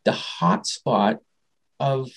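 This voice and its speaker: A man being interviewed as a guest, telling a personal story in a rambling, animated way and often trailing off and restarting. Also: medium pitch, drawn-out words, slightly rough, rough recording. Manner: animated, acts out quoted dialogue.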